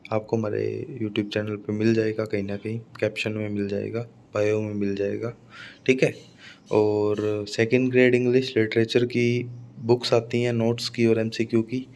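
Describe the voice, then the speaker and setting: A man with a Rajasthani Hindi accent teaches an exam-prep phonetics lesson in a medium-pitched voice. He drills each example word over and over. He keeps checking in with his students as he goes. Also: darkish tone. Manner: explains by repeating words and asking "है ना". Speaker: English teacher.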